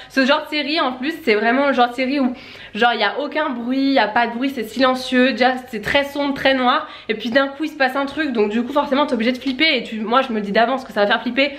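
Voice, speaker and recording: Young woman vlogger, quick rambling patter, slightly high voice, filler-heavy casual chat to camera at home. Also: fairly bright tone. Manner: rambling, breezy, lots of fillers. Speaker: family vlogger. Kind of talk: casual chatty vlog to camera. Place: at home, indoors.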